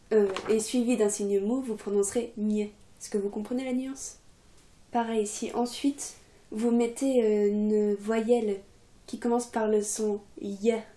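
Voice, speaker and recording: Slow, mellow-voiced woman teaching casually. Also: medium pitch, roomy sound. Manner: relaxed, chatty, many fillers. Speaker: Russian teacher, channel coordinator. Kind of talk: casual video lesson.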